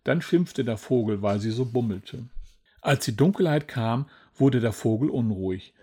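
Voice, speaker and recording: A man reading a children's storybook aloud in a gentle, even manner. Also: medium pitch, moderate pace, breathy edge. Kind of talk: scripted storybook narration.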